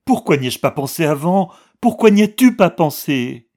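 Guy doing a frantic old mom, shrill and pleading, way up high in an audiobook. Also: unhurried, darkish tone. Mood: feverish. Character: frantic grieving old woman, mother. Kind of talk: audiobook reading.

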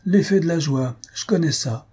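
Sly teasing sergeant done by a man, raised pitch over a husky dark voice, storybook read. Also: moderate pace. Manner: mocking, confidential.

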